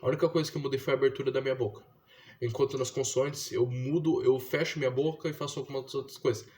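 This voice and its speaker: A man's voice: mid-range voice, fairly even intonation, fast, a little mellow. A young man from Brazil, talking casually and explaining step by step, with slangy fillers. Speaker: vlogger teaching his younger sister to read. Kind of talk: casual slangy monologue to camera.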